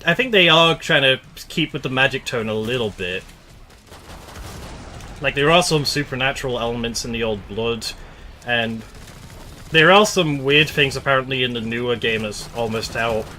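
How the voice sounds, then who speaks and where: A man's voice: mid-range voice, normal speed, bright, forceful tone, a little hiss or hum. A young man chatting casually while playing a game, rambling and laughing at himself. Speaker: gaming streamer. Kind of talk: casual gameplay commentary.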